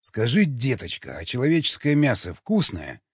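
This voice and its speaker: A man reading an audiobook, voicing a cynical, mocking cannibal who teases and calmly questions. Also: medium pitch, moderate pace, husky, no room sound. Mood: cool questioning. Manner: sardonic, teasing, calmly questioning. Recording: dull lo-fi recording.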